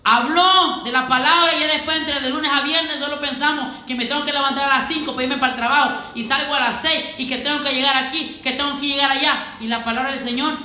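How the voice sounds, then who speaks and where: A woman preaching a lively Pentecostal sermon, exhorting her congregation with direct questions and acting out quoted voices with humor. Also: high-pitched, quick pace, few pauses. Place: church. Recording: echoey church sanctuary. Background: congregation answering amens.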